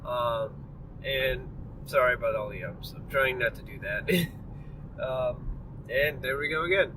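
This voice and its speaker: A young adult man at medium pitch and a measured pace rambles through a laid-back driving vlog. Yawning and tired, he fills his talk with fillers and apologies; the mic sits at a distance in the moving car and road noise comes through clearly.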